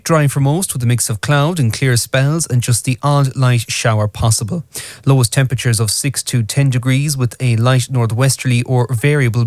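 A man's voice: mid-range voice, no room sound. A man with an Irish accent reading scripted headlines and weather as a radio presenter.

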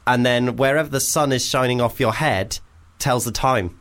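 A man, hosting a comedy call-in show in playful, teasing banter. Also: normal speed. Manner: playful, teasing, jumps to a high squeal when excited. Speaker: radio show host.

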